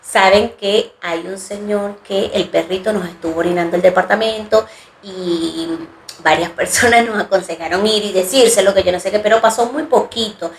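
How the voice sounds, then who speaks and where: A woman's voice: mid-range voice, moderate pace, slight background noise. Chatty woman telling a long story. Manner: chatty, rambling storyteller who voices the people in her story. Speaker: podcast co-host. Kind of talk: casual podcast storytelling. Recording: roomy echo.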